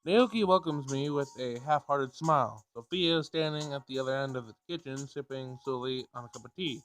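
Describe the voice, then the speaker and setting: Over background music, a male gameplay host reads a visual novel aloud from a home screen recording, mixing in his own casual remarks. His voice is mid-range and fairly bright, and he talks fairly quickly.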